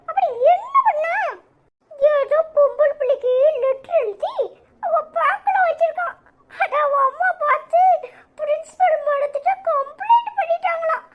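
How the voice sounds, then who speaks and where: A woman voicing a teasing younger brother in a cartoon, in a squeaky, giggly, sing-song voice with a Tirunelveli Tamil accent. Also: lo-fi sound, noisy background, full character voice. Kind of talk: cartoon voice acting.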